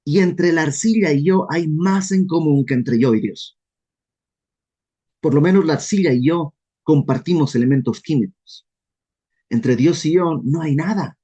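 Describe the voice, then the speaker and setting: A man with a Mexican accent leading a casual verse-by-verse Bible study, lively and self-deprecating, often acting out questions in quoted voices. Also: on the high side, a little slow, breathy edge. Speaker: Bible teacher.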